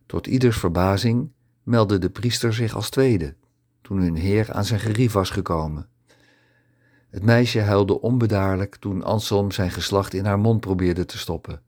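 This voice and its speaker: Male audiobook narrator, deep and low, steady measured scripted reading.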